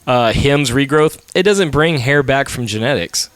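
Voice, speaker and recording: A man's voice: medium pitch, lively intonation, moderate pace, a bit bright, clean tone, dry recording. A man in his thirties, co-hosting a podcast in casual chat, who jokes, teases and swears freely. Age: 30s. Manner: joking, swears freely, playful teasing. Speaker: podcast co-host.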